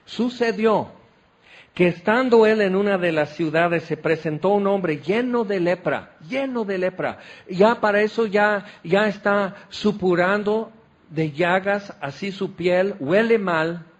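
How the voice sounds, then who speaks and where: A male preacher delivering a sermon in a tent meeting, his voice sitting a little high for a man. He speaks slowly and deliberately, and he tells each scene dramatically, breaking into exclamations as he acts it out.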